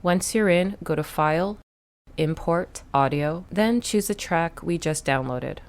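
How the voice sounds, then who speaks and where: A woman hosting a step-by-step software tutorial, explaining each click in a plain, instructive way. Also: on the low side, a little slow. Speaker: tutorial host.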